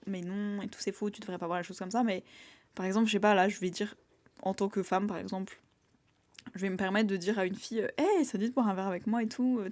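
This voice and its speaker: Young woman, quick chatty delivery, acts out quotes in passing; casual reflective monologue. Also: mid-range voice, darkish tone. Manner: chatty, lots of fillers and acted-out quotes. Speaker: vlogger sharing reflections.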